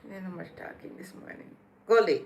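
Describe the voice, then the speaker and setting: A woman's voice: fairly low pitch, brisk, roomy sound, noisy background. A woman hosting a casual morning livestream, chatting with viewers and talking affectionately to her cat. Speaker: livestream host. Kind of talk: casual morning live chat.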